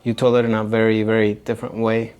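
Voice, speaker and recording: A man's voice: fairly low pitch, monotone, fast, darkish tone, smooth, highs cut off. A man in his forties hosting a podcast, answering with short, eager remarks and calling his guest dude and man. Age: 40s. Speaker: podcast host. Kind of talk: casual interview chat.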